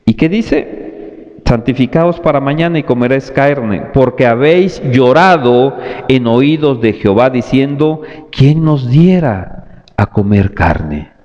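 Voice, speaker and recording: A man preaching at an unhurried, measured pace, drawing out his words as he appeals to his congregation. His voice trails off into the long reverb of a church hall. The recording is dull and lo-fi. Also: medium pitch, lively intonation, darkish tone. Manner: slow, deliberate preaching, calling out to the brethren. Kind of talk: sermon.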